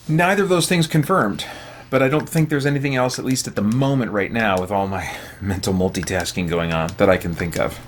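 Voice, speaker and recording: Rambling low-voiced man gaming host. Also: fairly bright tone, a little hiss or hum. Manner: rambling, thinking aloud with fillers. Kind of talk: casual chat while playing games.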